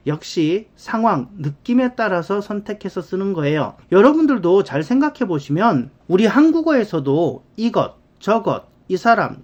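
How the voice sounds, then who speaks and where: A chatty teacher explains grammar in a relaxed spoken lesson. The voice sits in a middle pitch, and the teacher slips into little acted-out quotes of everyday speech. Soft background music plays behind the talk. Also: muffled recording.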